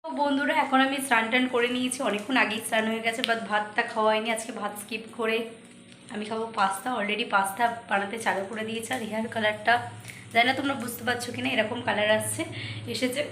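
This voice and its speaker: A hoarse young woman films a casual vlog on her phone, talking quickly with a fairly high voice as she shows the kitchen around her. The room is echoey, and loud household noise fills the background. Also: fairly even intonation. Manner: chatty, showing things around the house. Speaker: vlogger. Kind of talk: casual vlog chat to camera. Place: busy home kitchen, indoors.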